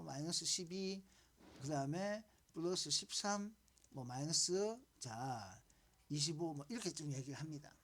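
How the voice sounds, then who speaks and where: A woman teaching middle-school math, her voice a little husky and her pitch rising and falling a lot. She walks students through the steps, repeating herself and asking them questions. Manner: repetitive, coaxing, asks students questions. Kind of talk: classroom math lesson.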